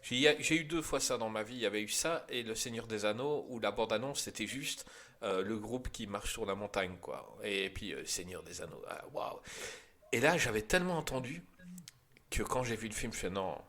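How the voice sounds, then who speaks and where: A man from Belgium, hosting a podcast and giving his views in a halting, opinionated way. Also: lowish voice. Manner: animated, opinionated, halting with fillers. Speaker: podcast host. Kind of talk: casual chat.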